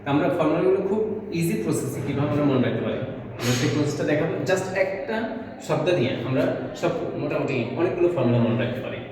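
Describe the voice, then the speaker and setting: A man gives a classroom math lecture, walking through each step and slipping in English terms. His voice sits a little high for a man. It is heard from a distance in a very echoey room with a long reverb. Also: animated, fast talker, crowd noise. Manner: explains step by step, mixing English terms, with small restarts. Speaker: math teacher.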